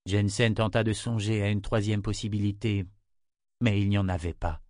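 A man narrating a fantasy novel as an audiobook in a steady, measured way. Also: fairly low pitch, no echo, studio quality.

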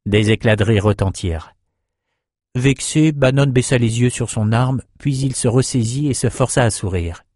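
A man reads a fantasy audiobook with steady, even storytelling at a mid pitch. The recording is very dry and close, with no room sound. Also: normal speed, dry recording. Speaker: audiobook narrator. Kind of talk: scripted narration.

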